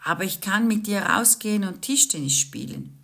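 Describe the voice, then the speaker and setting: A man's voice: high voice, expressive, moderate pace, gravelly, bright, forceful tone, pitched above the performer's own voice, full character voice. A woman voicing a good-natured, patient old grandfather in a read-aloud storybook. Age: older.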